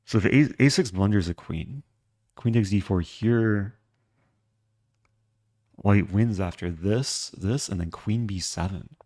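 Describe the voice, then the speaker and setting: A man with a low voice commentates casually on a live chess stream. He speaks slowly and in a low-key way, thinking aloud in short fragments as he goes. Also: darkish tone.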